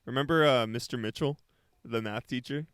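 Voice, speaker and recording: A man's voice: mid-range voice, fairly quick, a bit bright, clear, resonant tone, no echo. Chatty young man, dry close sound. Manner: chatty, laughs often, trails off mid-sentence. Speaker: podcast co-host. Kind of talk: casual chat.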